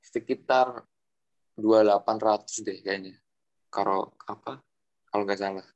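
A man's voice: fairly low pitch, fairly even intonation, unhurried, a little mellow, muffled recording. A young man, a student in a group discussion, giving brief offhand answers over a remote call where his voice keeps breaking up. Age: young adult. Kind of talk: casual chat.

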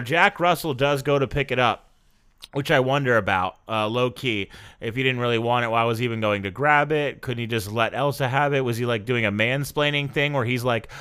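Male podcast host, mid-pitched, smooth and resonant, loose rambling chat. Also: bright, forceful tone. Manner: rambling, self-correcting, fillers. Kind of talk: casual podcast review chat.

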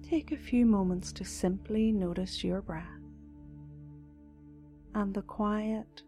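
A woman reading a scripted guided meditation in a soft, slow, soothing, breathy voice. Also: medium pitch, soft background music.

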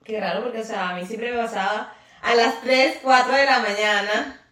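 A woman's voice: fairly high pitch, fairly even intonation, moderate pace, fairly bright tone, distant mic, faint music behind. A woman co-hosting a casual podcast, reading facts aloud and commenting on them. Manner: chatty, reads facts aloud then comments. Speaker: podcast co-host. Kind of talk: casual chat. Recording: roomy echo, set back from the mic.

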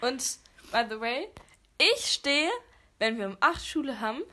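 A young teenage girl with a fairly high voice answers questions in a casual chat. She talks in giggly, youthful slang, like friends do. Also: lively intonation, a little slow, bright, forceful tone.

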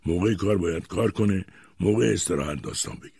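A man's voice: sits low, creaky, darkish tone, breathy edge, dry recording, studio quality, heavily acted. A man voicing a sad, fatherly mentor giving sorrowful advice. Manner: sorrowful, advising.

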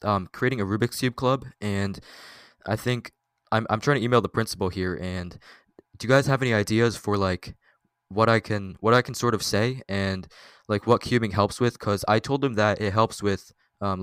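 A teenage boy hosting a casual podcast chat, talking haltingly with many fillers and restarts. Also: lowish voice, a bit bright, smooth, no room sound. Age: teens. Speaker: podcast host.

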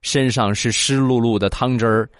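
A man telling short comic anecdotes in a lively storytelling manner, slipping into acted voices. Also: medium pitch, normal speed, no echo, studio quality. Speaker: comic joke teller.

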